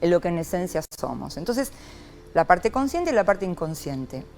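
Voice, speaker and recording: Expressive woman psychologist, low-pitched. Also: normal speed, creaky. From Argentina. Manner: expressive, lively, frequent rhetorical "¿no?". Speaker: psychologist, interview guest. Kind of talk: reflective interview talk.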